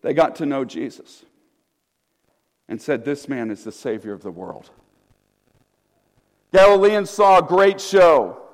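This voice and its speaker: A man's voice: a little high, animated, a little slow, pauses often. A middle-aged man preaching a sermon as pastor, telling the story with animation and acting out the voices of the people in it. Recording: hall reverb.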